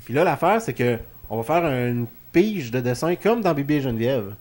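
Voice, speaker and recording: A man with a Quebec French accent hosts in an ordinary mid-pitched voice. His delivery is loose and chatty, with an informal, joking manner suited to studio banter about wrestling. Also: big pitch swings, normal speed, a little mellow. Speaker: wrestling talk show host. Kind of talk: casual studio chat.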